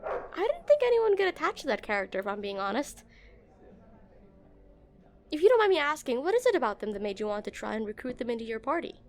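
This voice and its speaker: In a romantic audio roleplay, a woman plays an awkward, shy game developer on a dinner date. Her high voice swings widely in pitch, moving quickly but with long pauses. She sounds gentle and curious, yet flustered and hesitant, stammering and giggling.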